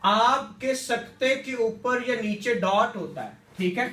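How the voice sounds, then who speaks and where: A man's voice: very high-pitched, slow pace, bright, forceful tone, slight background noise. A man teaching a classroom lecture, repeating words and quizzing students with questions. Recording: echoey room, distant mic.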